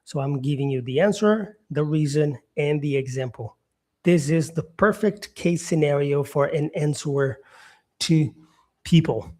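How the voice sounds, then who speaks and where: A man from Brazil teaching English in a live stream, speaking slowly with many "yeah" and "um" fillers, repeating and rephrasing his points. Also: a little high, a little mellow. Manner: repeats himself, answers viewer comments, frequent "yeah" and "um".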